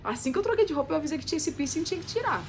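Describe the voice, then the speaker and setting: A woman's voice: high-pitched, animated, rapid-fire, background noise. A young woman, telling a story to her viewers in a chatty, dramatic way. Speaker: vlogger. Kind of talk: casual storytelling to camera.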